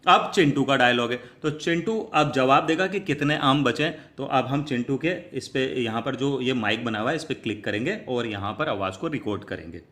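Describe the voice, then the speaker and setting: A man's voice: medium pitch, moderate pace, hardly any pauses, fairly bright tone. A man hosting a step-by-step screen tutorial, patiently explaining each click and calling his viewers friends while wearing earphones. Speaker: tutorial host.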